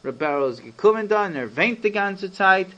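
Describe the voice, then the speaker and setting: A male rabbi narrating a tale for small children, animated and quizzing his young listeners as he goes. His voice sits high for a man. He mixes playful questions and English phrases into the telling. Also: a little fast, highs cut off. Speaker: rabbi and educator.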